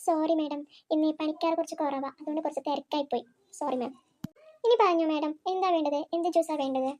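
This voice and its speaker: A woman voicing a polite, meek young male waiter in a cartoon, speaking softly and apologetically. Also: high voice, steady tone, quick pace, no echo, voice pushed down, natural voice, rough recording. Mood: apologetic. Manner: soft, apologetic, hushed. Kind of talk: cartoon voice acting.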